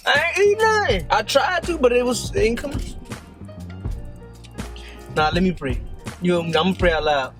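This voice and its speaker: Playful man vlog co-host with a very animated pitch, jokes and shouts, music playing behind. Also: moderate pace, pauses often. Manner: joking, with loud playful exclamations. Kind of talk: casual mukbang chat.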